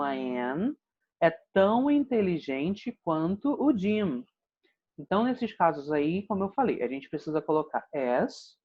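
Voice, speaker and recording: Patient Brazilian teacher, dull recording. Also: male voice, a little high. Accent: Brazilian Portuguese. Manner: patient, explanatory, frequent "né?" check-ins. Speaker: English teacher. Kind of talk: online lesson explaining grammar. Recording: dull lo-fi sound.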